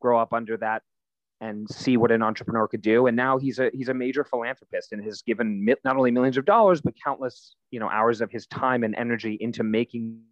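A man's voice: medium pitch, fast talker, no echo. Interview guest, man in his thirties, easygoing storyteller with lots of "uh"s, dry and muffled audio. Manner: relaxed storytelling, frequent fillers. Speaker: guest, nonprofit founder. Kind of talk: conversational interview answers.

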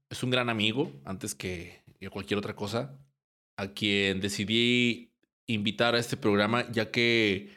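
A young man from Mexico, hosting a casual podcast and talking in a relaxed, rambling way with many restarts. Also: fairly low pitch. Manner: relaxed, rambling with frequent restarts and short laughs. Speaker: podcast host. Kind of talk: casual podcast intro and interview.

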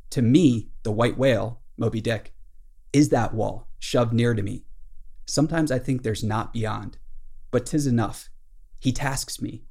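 A man's voice: medium pitch, a little mellow, lightly acted. A man reading aloud as a vengeful, obsessed older sea captain, declaiming a classic monologue.

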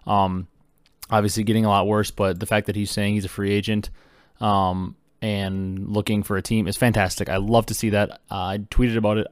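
A young man hosting a podcast, talking fast and excitedly with lots of fillers while he reacts to breaking esports news. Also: fairly low pitch, smooth, no echo, clean studio sound. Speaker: podcast host. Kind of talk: casual esports news commentary.

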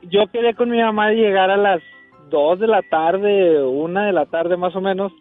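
A man's voice: high voice, normal speed, faint music behind. Young man from Monterrey on a tinny phone line. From Monterrey, Mexico. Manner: hesitant, fillers, acts out quoted lines. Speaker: caller. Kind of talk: telling a story on a call-in show.

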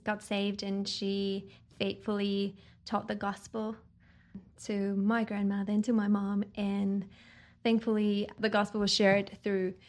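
Podcast guest, woman from Chile, earnest reflective testimony, gravelly fry in the voice. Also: medium pitch, completely flat delivery, slow. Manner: earnest, reflective, many ums. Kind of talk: faith testimony conversation.

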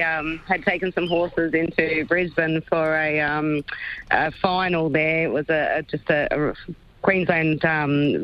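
A woman's voice: low-pitched, no echo, highs cut off. An Australian woman, a racehorse trainer, chatting in a radio interview over the phone, hesitant and full of ums and restarts.

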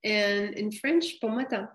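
Slow-talking woman, hesitant. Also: fairly high pitch, poor audio. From Bulgaria. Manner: hesitant, many fillers and restarts, laughs often. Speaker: guest. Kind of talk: casual interview chat.

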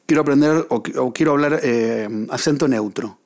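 A man with an Argentine Spanish accent, co-hosting a podcast in relaxed, chatty conversation. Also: mid-range voice, moderate pace. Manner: chatty, animated, swears casually. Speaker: podcast co-host. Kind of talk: casual chat.

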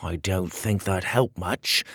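A man's voice: low voice, slow, gravelly, fairly bright tone, breathy edge, dry recording, studio quality, full character voice. A man voicing a plucky young male hero who speaks earnestly and boldly.

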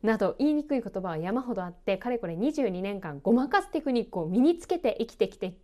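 A woman announcer talks in a loose, easygoing podcast chat, and her voice sits a little high but soft and mellow. She laughs easily and teases herself about her own slips. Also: big pitch swings, fast talker. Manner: chatty, self-deprecating, laughs often. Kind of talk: relaxed solo podcast chat.

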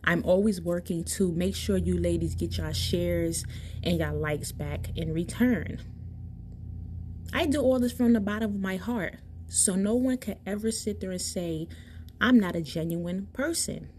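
Woman podcast host, lowish voice, emphatic and direct, casual monologue. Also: unhurried, dark tone, slight background noise. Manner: emphatic, impassioned, addresses listeners directly.

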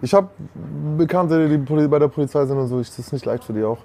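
A man's voice: a little high, fast talker, darkish tone, a little hiss or hum. A man who is a former convict, a guest in a casual interview, speaking in an earnest, reflective and emphatic way.

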